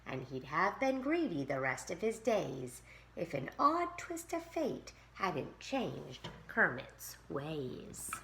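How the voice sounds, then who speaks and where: A woman teacher reading a rhyming picture book aloud to a preschool class. She reads slowly and expressively, her fairly low voice rising and falling with the verse. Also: vocal fry, slight background noise. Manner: expressive, sing-song rhyming delivery. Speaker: pre-K teacher.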